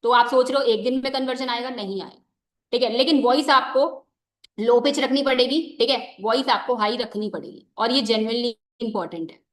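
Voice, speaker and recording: Speaking at a normal speed in a voice on the high side, a young woman trains network marketers through a conversational, motivational talk in a reverberant space. She wears a microphone, blends in English phrases, and often says "ठीक है" as a filler.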